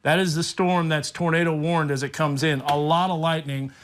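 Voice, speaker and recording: A man with a slightly high voice works as a TV meteorologist in live storm coverage. He speaks off the cuff, explaining what is on screen and giving the crew instructions as he goes. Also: steady tone, moderate pace, a bit bright, a little hiss or hum. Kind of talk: live unscripted severe weather coverage. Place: TV studio.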